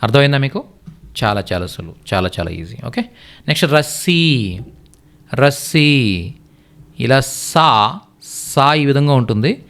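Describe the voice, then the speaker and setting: Man, mid pitch, patient tutor repeating each word, trailing off softly at phrase ends. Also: animated, measured pace, pauses often. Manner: repetitive, patient, drops voice on closing phrases. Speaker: Hindi teacher. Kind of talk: explaining lesson.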